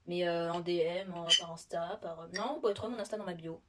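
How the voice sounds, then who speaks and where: A woman's voice: fairly low pitch, fairly even intonation, fairly quick, heavy background noise. A young woman in her teens chatting casually while unboxing skincare products, rambling with many fillers and sometimes dropping to a whisper late at night. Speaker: vlogger. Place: bedroom at night.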